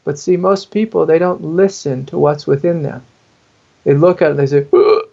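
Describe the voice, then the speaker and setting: A man speaks in an earnest, intimate manner as a spiritual teacher being interviewed, with a gravelly edge to his voice. He sometimes slips into the inner voices he describes. The recording sounds dull and lo-fi. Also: fairly high pitch, steady tone, normal speed, mellow. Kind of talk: interview answer.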